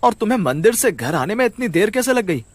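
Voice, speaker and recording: Man voicing a worried young husband, husky, lively pitch, music under. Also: a little fast, no echo. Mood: earnest. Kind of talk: storybook voice acting.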